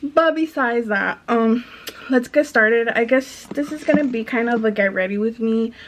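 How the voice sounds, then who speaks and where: A woman's voice: on the high side, normal speed, slight background noise. A young woman telling a rambling retail storytime while doing her makeup at home, chatty, full of fillers and restarts. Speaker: vlogger. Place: bedroom in an apartment.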